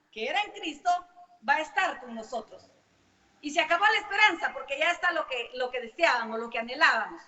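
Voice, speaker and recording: Woman preacher, high voice, emphatic repetition, distant mic, dull muffled recording. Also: bright, forceful tone. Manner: emphatic, repeats phrases in long lists. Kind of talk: church sermon. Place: church. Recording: echoey hall, distant mic, dull sound.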